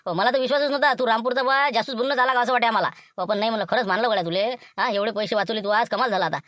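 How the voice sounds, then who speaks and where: A man playing a fast-talking Varhadi boss. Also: extremely high pitch, sharp tone, dry recording, clean studio sound. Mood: bossy. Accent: Varhadi Marathi. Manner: bossy and rapid, fond of "ha" and "nahi ka". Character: scheming middle-aged businessman boss. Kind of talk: village comedy sketch acting.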